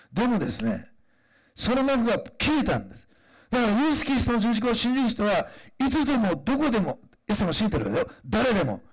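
A man preaching a sermon in a conversational way, pausing often with fillers and then rising into emphatic declarations. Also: extremely high pitch. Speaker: pastor.

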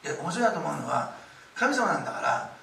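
A middle-aged man preaching a sermon, telling stories with lively acted-out quotes, in a church hall. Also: fairly high pitch, quick pace, creaky, slight background noise. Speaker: pastor. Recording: echoey room, distant mic, faint ambience.

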